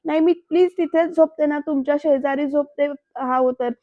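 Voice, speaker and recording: Woman doing shy hesitant young village woman, pleading, high, dry sound. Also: fairly even intonation, normal speed, no echo, lightly acted. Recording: dull dry voice-over.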